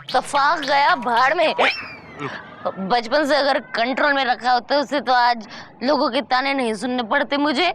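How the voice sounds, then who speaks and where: A woman's voice: high voice, normal speed, fairly bright tone. An actress playing an exasperated wife and mother, scolding sarcastically in broad television comedy style. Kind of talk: broad television sitcom acting. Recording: music playing behind the voice.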